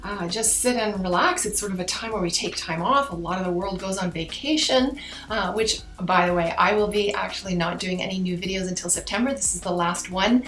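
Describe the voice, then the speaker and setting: A woman's voice: mid-range voice, fairly quick, a bit bright, reverberant. A woman doing a card reading to camera like a fortune teller, chatting directly to viewers in a mystical new-age way. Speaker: tarot and oracle card reader hosting her own channel.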